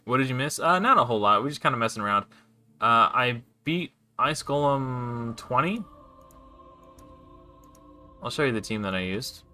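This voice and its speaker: A man's voice: mid-range voice, expressive, normal speed, long pauses, sharp tone, faint music behind. A man streaming live and casually commenting on his gameplay, rambling with frequent restarts and self-corrections. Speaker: game streamer.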